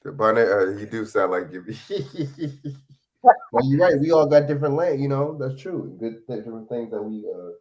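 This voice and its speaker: A man in a casual talk, laid-back and quick to laugh and agree, using plenty of slang. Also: mid-range voice, animated, a little mellow. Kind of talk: casual discussion.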